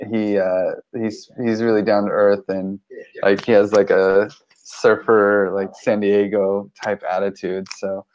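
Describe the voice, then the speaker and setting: Man in a team call, loose and rambling, low voice, muffled lo-fi sound. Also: level tone, a little slow, dark tone. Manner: loose, rambling, many fillers. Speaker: team member reporting on campaigns. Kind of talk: casual meeting talk. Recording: dull lo-fi call audio.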